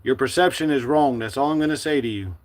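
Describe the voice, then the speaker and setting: A middle-aged man from the United States speaking to his livestream viewers in a forceful, defiant, preachy monologue. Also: medium pitch, fast. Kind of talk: impassioned live-stream monologue.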